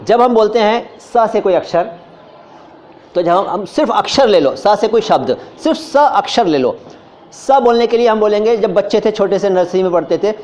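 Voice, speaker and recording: A man teaching Hindi and Urdu pronunciation in a lively lecture, drawing out syllables slowly and joking with his students. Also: sits high. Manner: demonstrates sounds slowly, repeats syllables, jokes with students. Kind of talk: lively classroom-style lecture.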